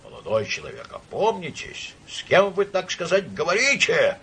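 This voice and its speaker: A man voicing a flustered, drunk older general who stammers and pleads, repeating himself, with a husky voice. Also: high voice, lively intonation, fairly quick, bright, forceful tone, a little hiss or hum, voice pushed up, exaggerated voice. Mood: indignant.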